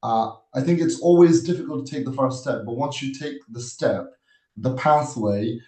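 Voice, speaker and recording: A man in his thirties from Nepal, giving an earnest, measured webinar talk as a guest speaker, pausing often to find his words. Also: medium pitch, darkish tone. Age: 30s. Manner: earnest, measured, with frequent hesitations. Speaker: guest speaker, army officer. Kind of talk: webinar presentation. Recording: echoey room sound.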